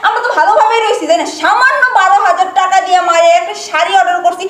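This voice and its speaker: A woman playing a bright, reproachful young wife. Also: very high voice, very fast. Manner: lecturing, reproachful. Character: righteous young wife defending her mother-in-law. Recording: echoey room.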